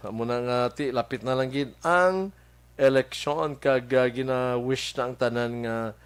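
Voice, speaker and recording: A man hosting a local radio show with a Hiligaynon accent, chatting casually and greeting listeners by name, halting with many fillers and chuckles. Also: medium pitch. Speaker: radio host. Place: radio studio.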